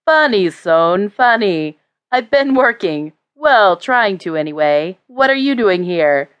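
Woman doing a gruff, weary grandfather. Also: mid-range voice, very animated, slow, a bit bright, highs cut off. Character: tall, tired grandfather, grumpy artist.

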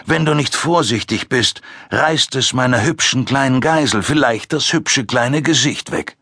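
A male narrator puts on a serial killer for an audiobook, calm and amused, who taunts his listeners in a slow, condescending drawl. The voice is bright and slightly husky, a notch higher than plain speech, recorded dry and close. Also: no room sound, full character voice. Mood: taunting. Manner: mocking, taunting, drawn-out delivery.

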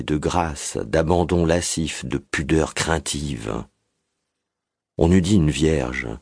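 A man reading a literary audiobook as narrator, in a measured, dramatic way. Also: extremely low pitch, a little mellow, breathy edge, no echo, clean studio sound.

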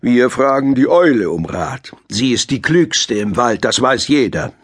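A big, deep-voiced male moose from a storybook. He speaks slowly and deliberately. The tone is calm and steady. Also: breathy edge. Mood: calm suggestion.

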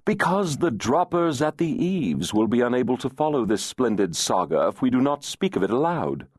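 A man's voice: medium pitch, sing-song, moderate pace, darkish tone, slightly rough, no room sound, clean studio sound, voice pushed up. A man voicing a purring, mocking fairy lord. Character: insolent, teasing male fairy nobleman. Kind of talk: audiobook character voice.

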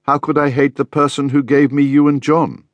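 A man playing a soft-spoken remorseful father. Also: lowish voice, animated, unhurried, no echo, muffled recording. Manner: soft, apologetic. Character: middle-aged father, gentle and remorseful.

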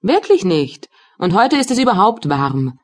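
A woman voicing a tender, anxious young woman in an audiobook, speaking gently and caringly to her partner. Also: medium pitch, big pitch swings, unhurried. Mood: coaxing. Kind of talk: audiobook dialogue reading.

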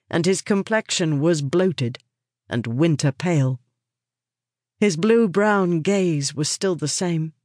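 Woman narrating a detective novel, dry studio sound, steady measured pace. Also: sits low, no room sound. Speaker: audiobook narrator. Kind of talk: scripted narration.

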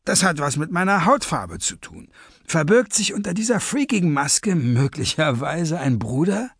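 A man voicing a calm male sorcerer who speaks in a dry, sardonic way in an audiobook. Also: on the high side, moderate pace, slightly rough, dry recording, pitched above the performer's own voice, heavily acted. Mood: wry. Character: wry, calm male sorcerer among villains. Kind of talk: audiobook character voice.

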